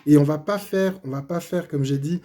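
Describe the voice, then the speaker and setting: A middle-aged man tells his faith story with a voice on the high side, warm but slightly hoarse. His delivery is casual and halting, broken up by frequent fillers and restarts.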